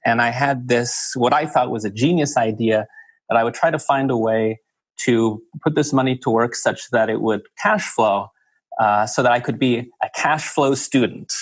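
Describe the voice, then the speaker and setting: A man's voice: mid-range voice, normal speed, no echo. A man in his thirties with an American accent, a guest on an interview podcast, speaking in a thoughtful, articulate way with many "kind of"s and "you know"s. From Switzerland. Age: 30s. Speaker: guest investor. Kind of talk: casual interview chat.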